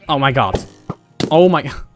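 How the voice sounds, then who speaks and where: A young man from the Netherlands doing Minecraft let's play commentary, excitable, exclaiming in English and chatting to his viewers. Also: medium pitch, unhurried. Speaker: gaming channel host. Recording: faint game music behind.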